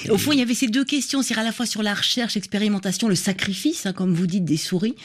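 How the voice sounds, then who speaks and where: A woman's voice: medium pitch, fast talker. Woman interviewer asking long questions. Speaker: radio interviewer. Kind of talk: radio interview.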